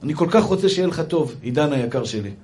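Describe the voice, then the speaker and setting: A middle-aged male rabbi delivering a lively comic sermon in a chatty, joking way, calling his listeners brothers. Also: on the high side.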